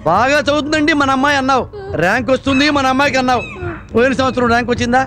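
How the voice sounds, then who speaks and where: A man's voice: very high voice, very fast, pushed and bright. An actor playing a bossy middle-aged husband and local politician who nags and lectures his wife, in a film comedy scene. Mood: lecturing. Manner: nagging, lecturing, mock-pleading. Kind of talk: Telugu film comedy acting. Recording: film soundtrack with background score.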